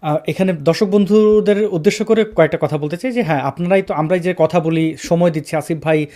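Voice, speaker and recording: A man's voice: a little high, a little fast, warm tone. A male host giving courteous closing remarks to his viewers and thanking his guests.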